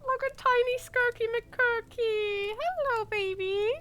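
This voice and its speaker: A woman with a very high-pitched voice speaks slowly as she streams a game, chatting and reacting in a casual, emotive way. Game music and dialogue can be heard behind her.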